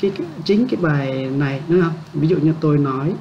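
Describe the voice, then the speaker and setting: A man teaching a casual language lesson. He patiently repeats words slowly and keeps checking that listeners understand. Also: fairly high pitch. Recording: dull lo-fi with faint background noise.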